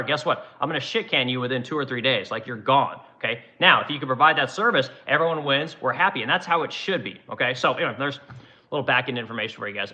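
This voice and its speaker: A man's voice: on the high side, bright, forceful tone. A man in his forties who runs a woodworking business, chatting casually on a livestream and answering viewers in a blunt, profane, rambling way. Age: 40s. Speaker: woodworking business owner answering live chat.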